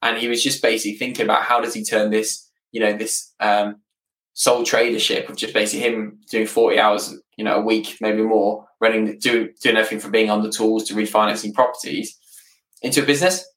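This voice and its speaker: Man in his thirties, roomy off-mic sound, flat intonation, casual storytelling, repeats words. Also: on the low side. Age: 30s. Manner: hesitant, often repeats words as he goes. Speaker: podcast guest, property business owner. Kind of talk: casual conversational storytelling in an interview. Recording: roomy, echoing, distant from the mic.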